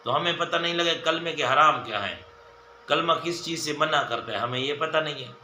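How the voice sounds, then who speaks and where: A man's voice: fairly high pitch, bright, forceful tone, a little hiss or hum. A man giving a religious lesson as a mufti, counting off his points one by one and repeating them, often turning to the viewers as dear friends. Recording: echoey room with faint ambience.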